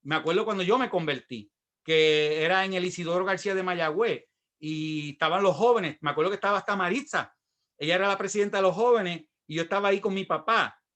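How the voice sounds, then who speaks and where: A Puerto Rican pastor in middle age delivers a sermon built on his own testimony. His voice sits high and sounds bright and forward. He tells his story with energy and acts out the voices of the people in it. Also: fairly quick. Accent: Puerto Rican Spanish.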